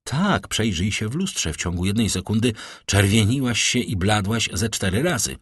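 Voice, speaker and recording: A man reading an audiobook, voicing a naive, talkative grand lady who gossips artlessly in a husky voice. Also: on the low side, big pitch swings, moderate pace, fairly bright tone, dry recording, clean studio sound, full character voice. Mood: concerned.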